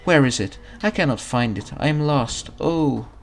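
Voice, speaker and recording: A man's voice: mid-range voice, expressive, normal speed, a little hiss or hum, pitched above the performer's own voice, lightly acted. A man voicing an anguished, lost female ghost from a video game, wailing and melodramatic. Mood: distraught. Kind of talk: reading video game dialogue aloud.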